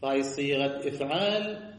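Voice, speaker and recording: A man's voice: medium pitch, normal speed. A man giving a scholarly lesson, posing rhetorical questions and answering them himself in a sing-song cadence. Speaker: teacher. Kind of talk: seminary lecture on jurisprudence. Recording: echoey room.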